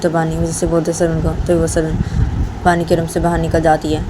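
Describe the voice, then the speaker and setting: Lowish-voiced woman rambling thru a story for her channel, ac humming in the background. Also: completely flat delivery, a little fast, background noise. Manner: rambling, repetitive "to ... bolti hai" narration. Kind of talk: casual oral storytelling.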